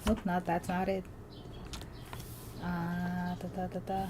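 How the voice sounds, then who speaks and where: A young Filipino woman chats casually while drawing on a livestream, rambling with plenty of fillers and restarts. Her lowish voice is completely flat and slow, over a noisy background.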